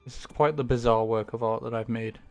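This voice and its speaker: A young man streams a game from home and chats casually, rambling, poking fun at himself, and swearing now and then. His medium-pitched voice is fairly even and brisk, with soft music in the background.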